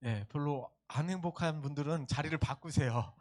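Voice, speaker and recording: High-pitched male pastor preaching to his church, lively, keeps asking questions and cracking jokes. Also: moderate pace. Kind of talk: sermon. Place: church service.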